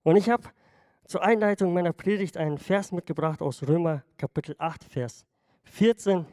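A man's voice: sits high, normal speed, dark tone, no room sound, studio quality. A man preaching a sermon to his congregation in a conversational way, often checking in with them. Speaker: pastor.

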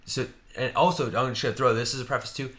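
Young male podcast host from Washington state, bright, clear tone, loose and profane storyteller. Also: mid-range voice, steady tone, quick pace. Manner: rambling, profane, acts out both sides of his story. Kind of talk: casual storytelling chat.

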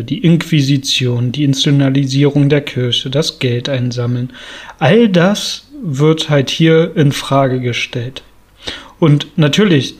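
A man giving a calm spoken analysis of a classic novel, explanatory and peppered with fillers. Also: mid-range voice, breathy edge. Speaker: literature explainer.

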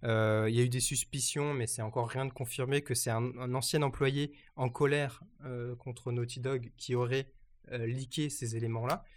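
A man talks through the week's news in a relaxed, unscripted way. He hesitates often and circles back to restart his sentences. His pitch sits in the middle range. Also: moderate pace. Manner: hesitant, many fillers and restarts. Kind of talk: casual news chat.

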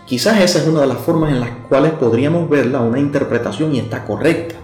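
A man's voice: medium pitch, fast talker. Conversational male preacher in an echoey room. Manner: conversational, speaks directly to the listener. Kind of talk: sermon. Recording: echoey room with soft instrumental music.

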